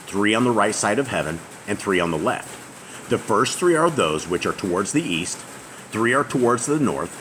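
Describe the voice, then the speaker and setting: The host of a casual family Bible study reads scripture aloud, his very deep voice loud and booming, with pauses between passages. Behind him is faint outdoor ambience, as the house is open to the outside and has a noisy roof.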